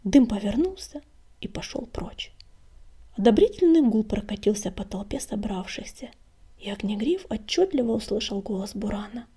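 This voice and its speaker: A woman narrating an audiobook in a hushed, half-whispered way. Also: medium pitch, animated, moderate pace, slightly rough.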